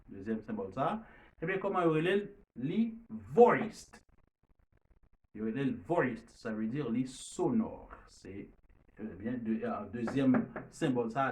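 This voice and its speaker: A man teaching English pronunciation, repeating each drill word slowly and loudly. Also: medium pitch, distant mic. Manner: repeats drill words loudly and slowly, mixes French and Creole. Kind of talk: pronunciation lesson.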